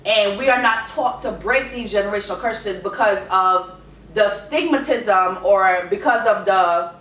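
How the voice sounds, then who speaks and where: A young adult woman with a Guyanese accent giving informal life advice in a conversational way, repeating key words for emphasis. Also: a bit bright. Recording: echoey room, distant mic, rumbling noise.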